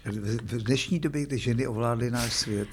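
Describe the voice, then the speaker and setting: Muž jako spolumoderátor vstupuje do rozhovoru stručnými, suše škádlivými poznámkami. Hlas má středně položený a slabý šum v pozadí. Mluví hovorově a s nadsázkou. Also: male voice, mid-range voice, slight background noise. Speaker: podcast co-host. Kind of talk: joking asides.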